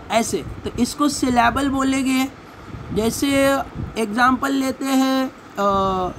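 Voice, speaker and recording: High-voiced, slow-talking woman teacher. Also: slight background noise, rough recording. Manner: slow, repeats words and spells them out. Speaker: English teacher. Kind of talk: classroom lesson explaining syllables.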